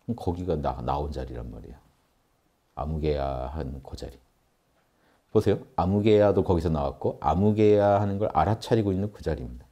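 A man's voice: a bass voice, a little fast, warm tone. A man giving an earnest spiritual lecture on meditation, explaining and addressing his audience directly. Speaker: meditation teacher.

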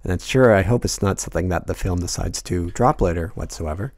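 Man, very low voice, dry close sound, casual amused film commentary. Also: fairly quick, darkish tone, no echo. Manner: amused, chuckles through lines. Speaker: video essay host.

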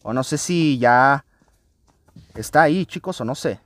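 Excitable man narrating a game. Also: mid-range voice, a little slow, dry recording. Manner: excitable, often addresses viewers as friends. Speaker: gaming channel host. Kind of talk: let's play commentary.

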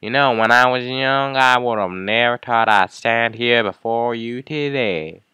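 A man's voice: mid-range voice, unhurried, bright, forceful tone, smooth, dry recording, pitched above the performer's own voice. Man doing a rambling old banquet host. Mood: formal.

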